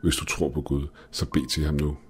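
A man voicing a young female student who speaks in an eerily calm, flat way, in a horror story with faint music behind. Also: very deep voice, breathy edge, exaggerated voice.

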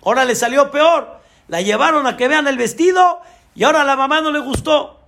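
A man delivers a sermon as a rabbi, spinning a dramatic story. His voice sits high for a man. He acts out the women in his tale as he goes. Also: a little fast, creaky, sharp tone.

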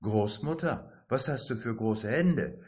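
A man's voice: mid-range voice, animated, slow, a little mellow. A man reading an innocent storybook girl. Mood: wondering. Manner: naive wondering questions. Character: innocent little girl from a fairy tale.

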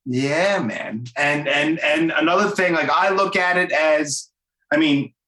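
A man's voice: on the high side, unhurried, bright, forceful tone. A man with a Brooklyn accent hosting a casual interview podcast, talking in an informal, slangy, enthusiastic way. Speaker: podcast host. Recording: roomy, echoing sound.

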